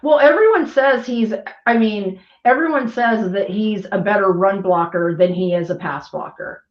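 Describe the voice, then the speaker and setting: A woman's voice: mid-range voice, moderate pace. A woman chatting casually as a podcast panelist, telling stories in a rambling way and laughing often. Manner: rambling, giggly storyteller. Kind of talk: casual chat. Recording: echoey, dull-sounding room.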